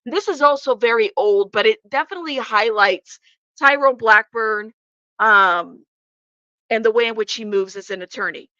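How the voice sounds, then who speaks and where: Sounding stuffed up, a woman hosts a livestream at normal speed in a slightly high, pushed and bright voice. She talks to her chat bluntly and informally, swearing freely as she comments live. There's no echo, and the highs are cut off.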